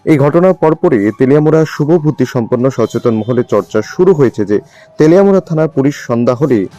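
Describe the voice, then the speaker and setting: Bright-voiced male news narrator over music. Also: mid-range voice, animated, brisk, dull audio. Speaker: news reporter. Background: background music.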